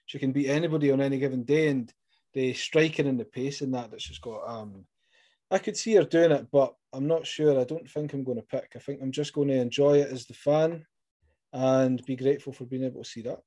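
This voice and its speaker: Scottish male interviewer, mellow warm tone, chatty, encouraging, asks long questions. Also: mid-range voice, fairly quick. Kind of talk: sports interview.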